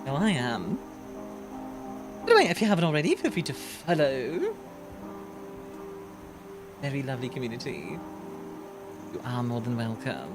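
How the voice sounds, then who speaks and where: Lively low-voiced woman streaming a game. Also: moderate pace, pauses often. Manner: rambling with fillers and laughter. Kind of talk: casual game streaming chat. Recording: game music playing behind.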